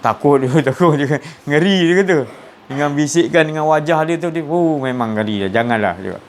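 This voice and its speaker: A man's voice: a little high, fairly quick. Guy preaching casual, telling spooky stories w sound effects, faint hiss behind. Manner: animated storytelling with sound effects. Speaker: religious teacher. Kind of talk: informal religious talk.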